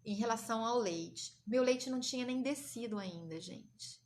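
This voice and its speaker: Brazilian woman on a live stream, kinda high voice, emotional storytelling, acts out the quotes. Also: normal speed. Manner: emotional, animated retelling with acted quotes. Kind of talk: personal storytelling to viewers.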